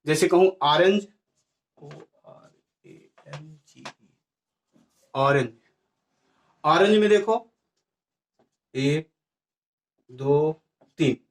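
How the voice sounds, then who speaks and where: A man teaching a grammar lesson. He asks his class questions, answers them himself and repeats the key words. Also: high voice.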